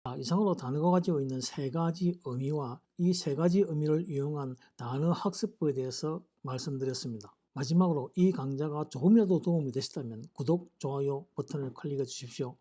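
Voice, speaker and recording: A man teaching English vocabulary in a lecture, reading English example sentences slowly and carefully. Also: on the high side, dark tone. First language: Korean.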